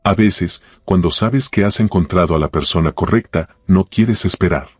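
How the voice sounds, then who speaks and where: A man with a deep, husky voice voicing a composed wealthy young man who speaks calmly and plainly. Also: normal speed, dry recording, clean studio sound, faint music behind. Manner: calm, matter-of-fact.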